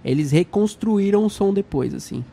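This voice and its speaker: A man, chatting casually as a guest musician, telling relaxed stories full of slang and fillers. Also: sits high, moderate pace, vocal fry. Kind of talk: casual chat.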